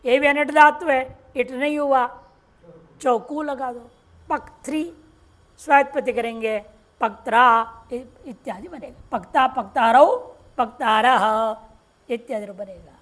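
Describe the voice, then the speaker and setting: A woman teaching Sanskrit grammar in a classroom lecture, reciting word forms slowly and explaining each step patiently. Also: high-pitched. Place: ashram classroom.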